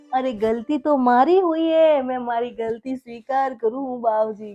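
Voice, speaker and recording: A woman's voice: on the high side, warm tone, slight background noise, lightly acted. A woman playing a harsh, domineering young husband with a Marwari accent in a comic village skit, scolding and sneering. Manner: scolding, bossy, sneering questions.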